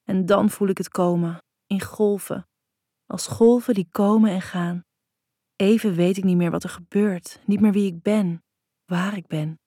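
Husky woman reading a story, slow and intimate, dark mellow voice, dry close recording. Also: medium pitch, fairly even intonation, no echo. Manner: soft, intimate, unhurried delivery. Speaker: narrator. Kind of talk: scripted erotic story narration.

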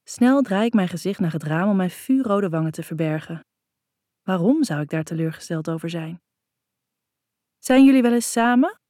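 Warm low-voiced woman narrating a novel. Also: moderate pace, dry recording, clean studio sound. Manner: intimate, reflective. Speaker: audiobook narrator. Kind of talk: first-person novel narration.

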